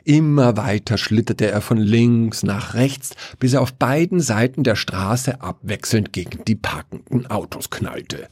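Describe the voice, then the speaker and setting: Male storyteller with a husky voice, wry and even, in a dry sound. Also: fairly low pitch, a little slow, few pauses, no room sound. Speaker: narrator.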